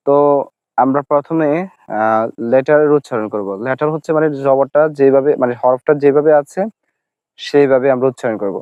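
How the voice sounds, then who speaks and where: A man teaching Arabic letter pronunciation, patiently repeating each sound slowly to demonstrate it. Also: medium pitch, fairly even intonation, clean tone, dry recording, narrow, tinny audio. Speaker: Quran recitation teacher.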